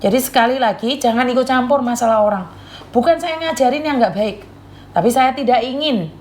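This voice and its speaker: A woman's voice: on the high side, fairly quick, darkish tone. A woman host, sternly lecturing her audience and repeating warnings. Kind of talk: lecturing live chat.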